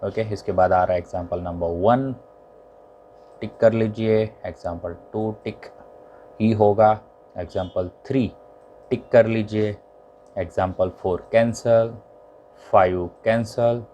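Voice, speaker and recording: A male teacher calmly going through which examples and exercises students should tick or cancel, mixing English terms into his Hindi. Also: fairly low pitch, slow pace, pauses often, highs cut off, slight background noise. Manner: methodical, lists items to tick or cancel. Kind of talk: exam syllabus walkthrough.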